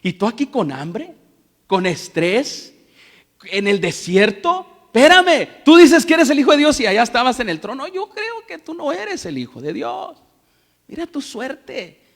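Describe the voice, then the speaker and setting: A man's voice: very high-pitched, sing-song, measured pace, a bit bright, long reverb tail, pitched above the performer's own voice, heavily acted. A man putting on a taunting male devil in a sermon, speaking in sneering, needling questions.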